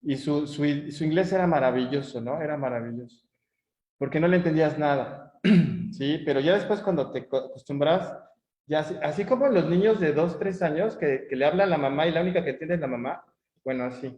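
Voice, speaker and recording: Mexican guy, middle-aged, rambly conference talk full of "¿no?", bit high voice, roomy echo. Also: brisk, dark tone. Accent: Mexican Spanish. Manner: chatty, frequent tag questions and fillers. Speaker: conference speaker. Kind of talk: conversational lecture with anecdotes. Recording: echoey, dull lo-fi room audio.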